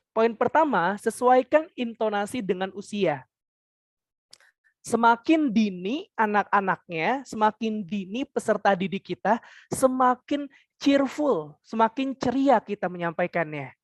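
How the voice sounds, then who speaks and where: A young woman giving a public speaking webinar, animated and quizzing her listeners directly, at times singing scales to show intonation. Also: medium pitch, no room sound. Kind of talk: webinar talk.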